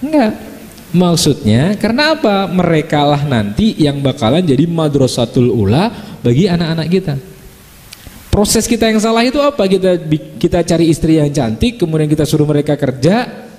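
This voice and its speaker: A man's voice: a little high, animated, normal speed, darkish tone, long reverb tail. A male Islamic preacher giving a humorous, chatty religious lecture, peppered with little tag questions to the audience. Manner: chatty, joking, with frequent "ya" and "gitu kan" tags.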